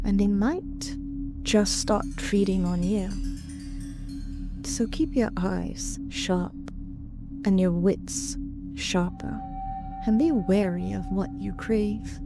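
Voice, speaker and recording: Very slow, sinister woman horror host. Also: medium pitch, gravelly. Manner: sinister, teasing, deliberate dramatic pauses. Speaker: host of a horror story show. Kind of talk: theatrical horror-host monologue. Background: music.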